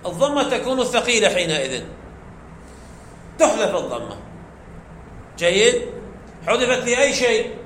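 A man's voice: high voice, very animated, normal speed, long pauses, a bit bright. A man teaching a grammar lesson, explaining step by step and quizzing his class with questions he answers himself. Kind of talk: classroom lecture. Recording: echoey room, faint background noise.

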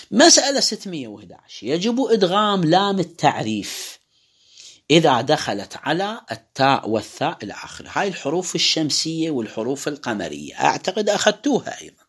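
A man's voice: a little high, wildly swooping pitch, quick pace, vocal fry, a bit bright, husky. A man with an Iraqi Arabic accent teaching recitation rules, explaining step by step and drawing out words to demonstrate them. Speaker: religious teacher. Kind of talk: lecture on Quran recitation rules.

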